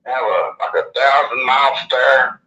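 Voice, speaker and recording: A man's voice: medium pitch, measured pace, sharp tone, roomy sound, highs cut off. A man with a lisp and slushy s sounds from missing upper teeth, telling a first-hand story in a casual, folksy, rambling way. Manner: folksy, plain-spoken, rambling. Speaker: interviewee.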